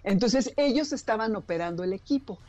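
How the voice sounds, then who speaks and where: A woman's voice: medium pitch, a little fast, no room sound, highs cut off. A woman with a Mexican Spanish accent, a radio broadcaster telling anecdotes in casual chat and acting out the people in them. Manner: animated storyteller who acts out quoted voices.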